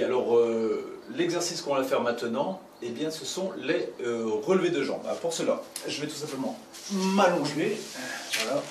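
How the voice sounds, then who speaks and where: A man leading an abdominal workout, counting repetitions and giving slow, repeated breathing cues while he does the exercises himself. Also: medium pitch, far from the mic. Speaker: fitness coach. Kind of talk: guided exercise instruction. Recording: roomy, off-mic with clear background noise.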